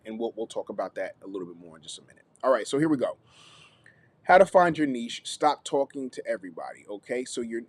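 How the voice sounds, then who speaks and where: A man hosting a live teaching stream on content creation, lively, repeating himself and checking in with viewers. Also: mid-range voice. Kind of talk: YouTube live teaching session.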